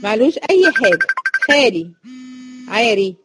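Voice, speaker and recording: A woman's voice: a little high, sing-song, music in the background. Egyptian woman teaching Quran recitation. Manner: chatty, explains by repeating rules and asking quick check questions. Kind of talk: online recitation lesson to female students.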